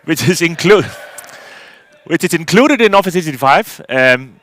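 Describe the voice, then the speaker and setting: A man's voice: on the high side, lively intonation, unhurried, fairly bright tone, no echo. Man giving a conference talk. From Iceland. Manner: hesitant, many fillers and restarts. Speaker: conference speaker. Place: conference hall stage.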